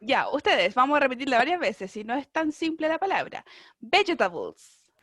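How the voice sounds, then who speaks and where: A woman teaching an online English class, encouraging and drilling words slowly with frequent checks. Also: high-pitched, animated, a bit bright, no room sound. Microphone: video call.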